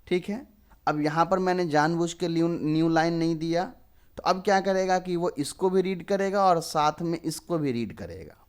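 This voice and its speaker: A young man in his twenties teaching programming, explaining step by step and answering his own questions. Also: fairly high pitch. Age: 20s. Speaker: programming tutor. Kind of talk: screen-recorded coding lesson.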